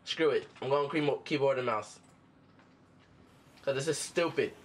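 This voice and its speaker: A man's voice: mid-range voice, moderate pace. A man giving let's-play commentary, talking back at the screen and cheering the character on. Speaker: gaming channel host.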